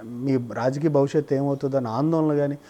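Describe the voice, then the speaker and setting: A man's voice: medium pitch, steady tone, brisk, mellow, highs cut off. A man interviewing, asking probing questions. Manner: probing, many short acknowledgements.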